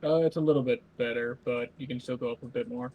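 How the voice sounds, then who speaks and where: A man's voice: medium pitch, fairly even intonation, fast, phone-quality sound. A man chatting casually as a player in an online tabletop game. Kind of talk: casual chat. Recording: noisy home voice chat.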